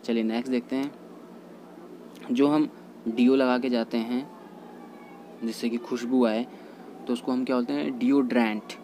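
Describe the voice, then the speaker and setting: A man teaching English pronunciation in a lesson, repeating each word slowly and carefully. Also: mid-range voice, fairly even intonation, warm tone, slight background noise, poor audio. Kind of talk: Hindi-language pronunciation lesson.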